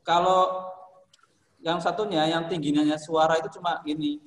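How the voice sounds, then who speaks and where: A male music teacher with a slightly high voice talks his pupils through singing technique, keeping things light with jokes and encouragement. He is heard in a classroom with a lot of echo, his voice ringing off the walls. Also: steady tone, normal speed. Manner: joking, encouraging, explains with examples. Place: school classroom. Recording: echoey classroom.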